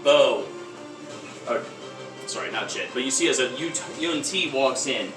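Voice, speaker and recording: A man's voice: medium pitch, animated, moderate pace, far from the mic, over music. Man narrating a tabletop game, echoey. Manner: dramatic storytelling, bursts into shouted character lines. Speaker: game master.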